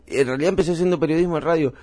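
A man's voice: fairly high pitch, rapid-fire, mellow. A man with an Argentine accent, a comedian guest chatting in a radio interview, rambling and self-deprecating as he laughs at his own jokes. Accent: Argentine Spanish. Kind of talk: casual interview banter with comic bits. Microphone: radio studio microphone.

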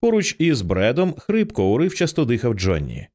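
A man narrating an audiobook in an expressive, tense storytelling style. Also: medium pitch, moderate pace.

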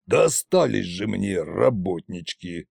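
A man voicing a grumpy old immortal tsar who scolds his adopted son in a low, weary, gruff voice. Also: big pitch swings, slow pace, darkish tone, dry recording, clean studio sound, heavily acted. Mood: reproachful.

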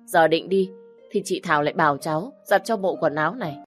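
A woman's voice: low-pitched, fast, soft background music, lightly acted. A woman voicing a hardworking poor village girl who protests her innocence. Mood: protesting. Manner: pleading and protesting.

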